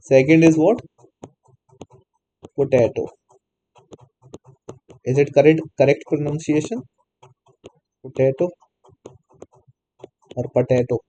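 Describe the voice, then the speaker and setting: Man, raised pitch, warm dark timbre, questioning teacher. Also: fairly even intonation, a little slow, long pauses, lo-fi sound. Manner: prompts students repeatedly, non-native English phrasing. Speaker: programming teacher. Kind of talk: live online class, questioning students.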